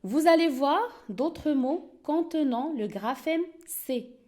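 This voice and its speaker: A woman teacher giving an early-reading lesson, speaking slowly and clearly and repeating each word for learners to echo. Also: high voice, animated, darkish tone. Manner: slow, clear, repeats words for pupils to echo.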